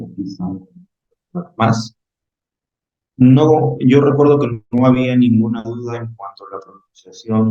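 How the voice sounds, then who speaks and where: A patient male teacher reviews English vocabulary with his class, speaking Spanish and saying "ok?" again and again to check understanding. He has a fairly low, mellow voice, and the recording sounds roomy and a bit dull.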